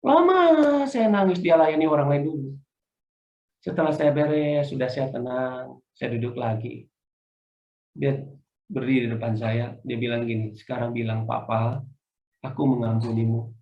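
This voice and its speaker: A middle-aged man, a pastor preaching a sermon with personal testimony, swinging between loud preaching and quiet recollection. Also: medium pitch, steady tone, unhurried, long pauses. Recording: echoey church hall, dull lo-fi sound.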